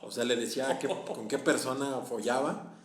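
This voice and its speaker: A man's voice: mid-range voice, moderate pace. Mexican man telling a spooky story. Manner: animated, laughs often, frequent "¿no?" tags. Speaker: podcast guest teacher. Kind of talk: casual storytelling. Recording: echoey room, faint music.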